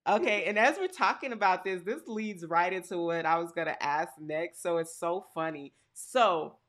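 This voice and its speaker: A woman's voice: on the low side, normal speed, a bit bright. A woman hosting a podcast, asking questions in an upbeat, chatty way. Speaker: podcast host. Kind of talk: casual interview chat.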